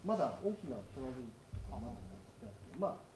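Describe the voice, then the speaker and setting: A man's voice: medium pitch, lively intonation, rapid-fire. A man with a Japanese accent answering questions casually and hesitantly, groping for words. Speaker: audience member. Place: indoor meetup venue. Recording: echoey room, far from mic, background noise.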